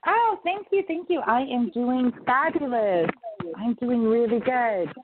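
A woman's voice: a little high, lively intonation, measured pace. A woman co-host chatting casually, agreeable and upbeat, over a phone line. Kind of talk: casual chat.

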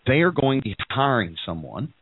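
This middle-aged podcast host has a mid-range voice with a breathy edge and sounds very animated, speaking fairly quickly despite being congested and froggy. He rambles through casual show announcements with lots of ums and restarts. There is no room sound, and the line is tinny and phone-like.

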